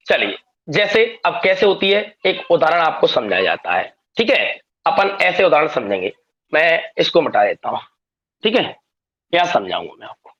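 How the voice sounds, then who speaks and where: Male classroom teacher, high and gravelly, patient step-by-step explainer who quizzes students. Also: a bit bright, muffled recording. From India. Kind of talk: classroom grammar lesson.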